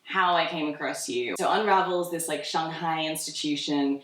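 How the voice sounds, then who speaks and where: A woman's voice: low-pitched, moderate pace, fairly bright tone. A young woman hosting a casual interview, chatty and reflective, using many likes. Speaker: host. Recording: roomy echo.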